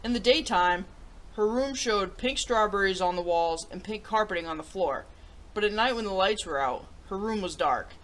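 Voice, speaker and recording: Here a woman speaks at a moderate pace in an animated, medium-pitched voice with a bit of brightness. Hosting a children's story-time show, she reads picture books aloud and reviews them with lively, theatrical enthusiasm.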